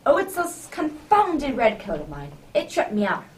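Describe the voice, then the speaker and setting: A woman's voice: sits high, huge pitch swings, moderate pace, recorded from a distance. A woman playing a jovial, flustered male doctor in a Santa suit, hearty and exclamatory, in an amateur radio drama.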